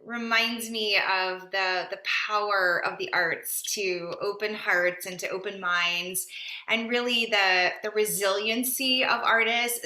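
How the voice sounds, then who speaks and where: A woman's voice: mid-range voice, bright, forceful tone. A woman representing a theater company, giving an earnest, sincere speech at an online event. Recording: echoey room.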